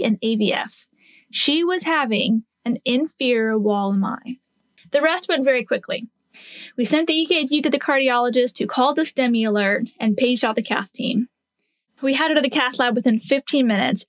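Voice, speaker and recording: A woman's voice: on the high side, no echo. A woman in her forties, a nurse hosting a podcast, telling a patient story and teaching in an earnest, explanatory way with rhetorical questions.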